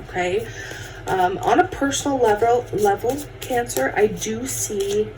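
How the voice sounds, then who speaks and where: Woman, casual tarot host, conversational and familiar with viewers, mid-pitched, recorded at a distance. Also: darkish tone. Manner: chatty, addresses viewers as friends and guys. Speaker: tarot card reader hosting a horoscope show. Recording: distant mic with faint background noise.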